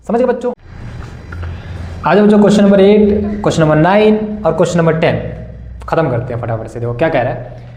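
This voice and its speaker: A young male maths teacher with a slightly high, dark-toned voice works through board-exam problems, calling students "beta" and "bhaiya." He asks his own questions and answers them, in an echoey room.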